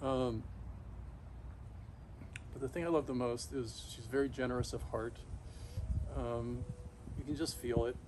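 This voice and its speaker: A middle-aged man talking casually and haltingly to camera outdoors, shivering in ice-cold water, pausing often mid-thought. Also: medium pitch, fairly even intonation, darkish tone. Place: backyard, outdoors, in an ice bath. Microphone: camera a few metres away. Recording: noisy outdoor recording, ambient hum.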